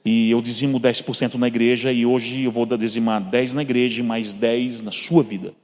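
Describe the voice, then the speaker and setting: A guest preacher with a Brazilian Portuguese accent delivers a sermon in a church hall, telling personal stories and calling his listeners brothers. His mid-range voice is flat and fairly quick, and the hall's long reverb fills the recording.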